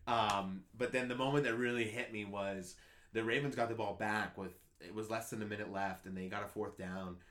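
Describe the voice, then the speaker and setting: A man's voice: on the low side, normal speed. A man, co-hosting a casual sports podcast, telling a story eagerly with lots of restarts. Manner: excitable storyteller, rambling with restarts. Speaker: podcast co-host.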